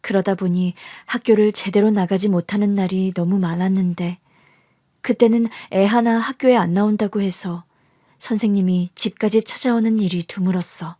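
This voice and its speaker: A woman voicing a middle-aged birth mother who softly confides the story of her hard past. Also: medium pitch, steady tone, normal speed, no echo, clean studio sound, lightly acted. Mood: confiding.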